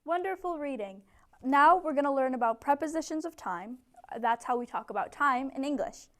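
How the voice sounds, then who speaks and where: A young woman ESL tutor with a high, somewhat bright voice leads a small English group in a classroom, giving clear, encouraging instructions with lively intonation at a moderate pace. A camera placed some distance away records her.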